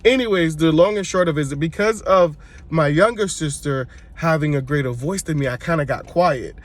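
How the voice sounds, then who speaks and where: A man's voice: a little high, brisk. A man from Brooklyn, a church worship singer telling personal stories in a chatty way. He is congested, often corrects himself and speaks straight to his viewers. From Brooklyn, New York. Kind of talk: casual personal storytelling to camera.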